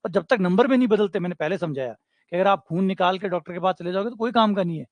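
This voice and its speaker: A man's voice: high-pitched, fast, no echo. A man with a Rajasthani accent teaching a maths coaching class, chatty and joking, slipping into local dialect. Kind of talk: online exam coaching class.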